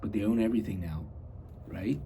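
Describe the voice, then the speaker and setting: A man's voice: fairly low pitch, fairly quick, dark tone, slight background noise. A man chatting casually and rambling as a hobby vlogger, blunt and grumbling, with some mild swearing.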